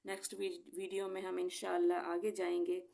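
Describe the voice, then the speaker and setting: A woman teaching a Quran recitation lesson. She explains each sound patiently, then recites the words slowly and clearly. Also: on the low side, completely flat delivery, dark tone.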